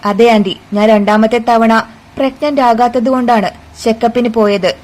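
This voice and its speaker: A woman's voice: fairly high pitch, steady tone, moderate pace, a little mellow, close to an everyday voice, rough recording. A woman voicing a frightened young daughter-in-law who pleads tearfully, in a storybook retelling.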